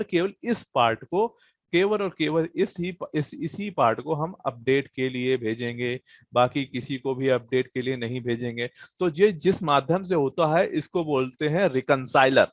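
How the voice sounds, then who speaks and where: A man's voice: on the high side, moderate pace, dry recording, muffled recording. A man teaching a programming class online, explaining casually and checking in with students, with plenty of fillers. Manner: explains casually, many fillers and "thik hai" check-ins.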